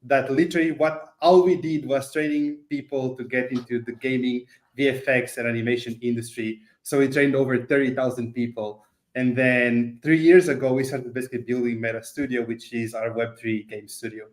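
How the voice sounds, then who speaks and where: A man giving a conversational company pitch as an interview guest, explanatory, with non-native English phrasing and filler words. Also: steady tone, normal speed, echoey room. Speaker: game studio CEO, interview guest.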